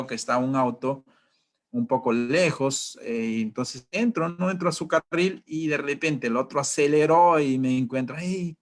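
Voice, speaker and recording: Spanish-speaking male trainer, conversational. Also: medium pitch. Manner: conversational, asks rhetorical questions, acts out angry drivers. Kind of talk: training talk.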